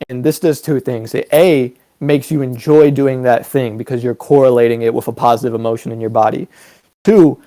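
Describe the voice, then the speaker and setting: A man's voice: medium pitch, mellow, no room sound. A man co-hosting a podcast, explaining ideas in a reflective casual chat with many fillers. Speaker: podcast co-host.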